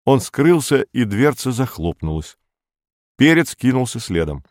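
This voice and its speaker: A man reading an audiobook as narrator in a measured, even storytelling manner. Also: mid-range voice, no room sound, clean studio sound. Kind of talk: scripted narration.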